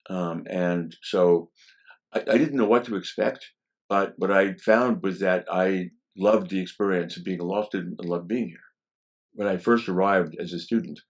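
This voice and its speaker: A man in his seventies speaks in a deep, low voice. He is a law professor looking back on his early years. He tells his stories in a relaxed, anecdotal way and often pauses on "um". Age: 70s. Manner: relaxed and anecdotal, with frequent "um" fillers. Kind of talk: reminiscing interview storytelling.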